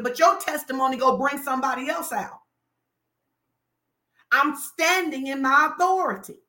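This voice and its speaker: Woman pastor, high and bright, preaching with commanding fervor in an echoing hall. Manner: fervent, declaring and commanding, call-and-response cadence. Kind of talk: sermon. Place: church hall. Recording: echoey room.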